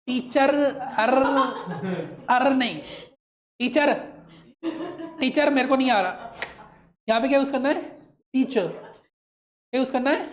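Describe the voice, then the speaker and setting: A man teaching English grammar with an Indian English accent, drilling words slowly and asking the class to repeat them. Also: very high voice. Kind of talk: classroom lesson, call and response.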